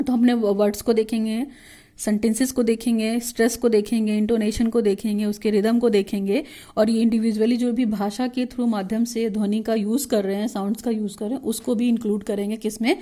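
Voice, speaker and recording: A woman teacher giving an explanatory lesson, asking herself questions, restarting words and reading out English lines slowly. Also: on the high side, fairly even intonation, dark tone. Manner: mixes Hindi with slow, drawn-out English read-outs; frequent self-questions and restarts.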